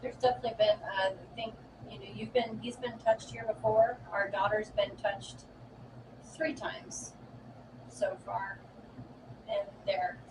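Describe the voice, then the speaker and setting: A woman tells a story in a loose, hesitant way that keeps circling back on itself. Her voice comes from some distance away, with loud background noise. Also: medium pitch, steady tone, a little slow. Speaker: parent of a local family. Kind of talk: casual conversation.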